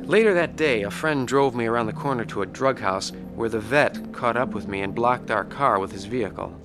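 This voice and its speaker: A man's voice: medium pitch, brisk, close to an everyday voice. An actor playing a troubled war veteran and addict, telling his story in an earnest, reflective, conversational way. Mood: reflective, regretful. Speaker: narrator and lead actor. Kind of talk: dramatized first-person testimony narration. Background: music.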